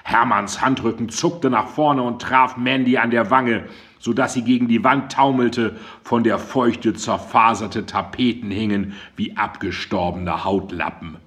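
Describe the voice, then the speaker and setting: A man narrating a crime novel in a measured, dramatic way. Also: mid-range voice, fairly bright tone. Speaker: audiobook narrator. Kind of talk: scripted narration.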